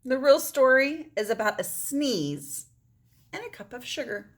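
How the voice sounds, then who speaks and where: A woman's voice: high-pitched, lively intonation, a little slow. A woman reading a storybook aloud in the role of a chatty, aggrieved male wolf telling his side with theatrical emphasis. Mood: confiding, aggrieved. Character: chatty, self-justifying male wolf, wronged storybook narrator. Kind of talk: storybook read-aloud, first-person narration.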